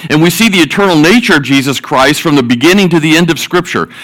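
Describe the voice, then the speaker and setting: A man with a bright, fairly high voice preaches to his congregation. He eases in with folksy joke stories before turning to scripture, often repeating words as he goes. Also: expressive, quick pace, poor audio. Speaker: pastor. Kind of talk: sermon with jokes.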